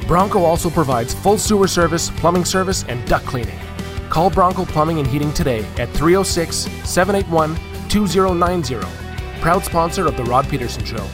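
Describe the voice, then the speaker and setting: A man's voice: fairly high pitch, expressive, brisk, over music. A man announcing a commercial in a scripted read.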